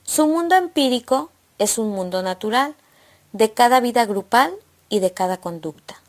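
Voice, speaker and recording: A woman narrates a scripted lesson in a slightly high voice. She reads steadily and works through numbered points one after another. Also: normal speed. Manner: steady, read-aloud delivery listing points. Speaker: presenter of an educational video.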